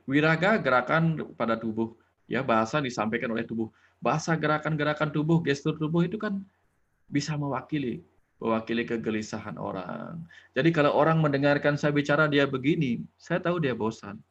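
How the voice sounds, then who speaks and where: A man giving an earnest spiritual talk, explaining patiently with examples and later leading a calm prayer. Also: mid-range voice, fairly quick, dull audio. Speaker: spiritual teacher.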